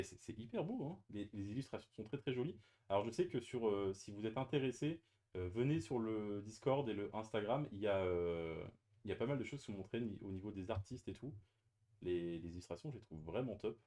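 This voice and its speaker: A man's voice: lowish voice, lively intonation, a little fast, dark tone. A man chatting casually as he opens trading card boosters on camera, hesitant with many fillers and restarts. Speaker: card-opening YouTuber. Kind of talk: casual unboxing commentary.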